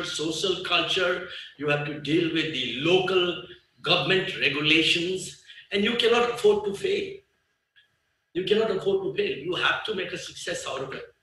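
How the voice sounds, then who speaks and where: A man in his sixties with a Nepali accent gives a guest speech at a business conference. His voice is bright and forceful, a little raised in pitch, and he drives his points home by repeating them between hesitant fillers. He is picked up from some way off the mic, with a heavy hall echo. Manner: emphatic, repeats key phrases, pauses with fillers. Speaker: business leader, guest speaker. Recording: echoey hall, voice far from the mic.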